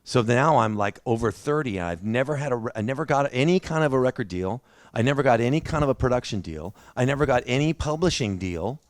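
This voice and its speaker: A man's voice: medium pitch, lively intonation, quick pace, no echo, studio quality. A man preaching a sermon in a church, telling his own story in a conversational, self-deprecating way. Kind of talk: sermon with personal testimony.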